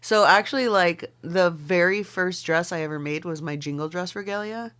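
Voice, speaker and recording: On a podcast, a fashion designer guest in her forties from Oregon in the Pacific Northwest chats casually, dropping plenty of "like"s and fillers and swearing occasionally. Her voice is on the low side, smooth and a bit bright, at a moderate pace.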